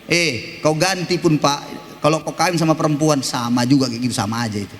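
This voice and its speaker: A male pastor preaching an animated Sunday sermon, emphatic, breaking into shouted exclamations and humor, in a church hall. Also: a little high, a little fast. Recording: reverberant hall with faint background noise.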